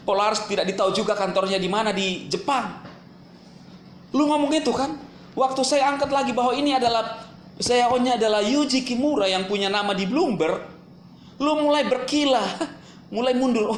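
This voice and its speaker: A man vlogging a heated rebuttal in colloquial slang, confrontational and repeatedly demanding answers. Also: extremely high pitch. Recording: echoey room with faint noise.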